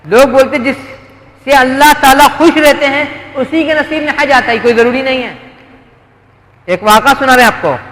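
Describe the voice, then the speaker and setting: A man's voice: very high voice, a bit bright. A man preaching a sermon, telling stories with rhetorical questions and quoted dialogue. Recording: roomy hall with long echo.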